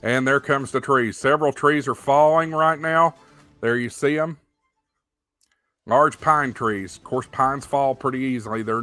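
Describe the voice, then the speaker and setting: A man's voice: mid-range voice, fairly bright tone. A man hosting a livestream, giving live storm-tracking commentary in an urgent, emphatic, repetitive manner. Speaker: livestream host.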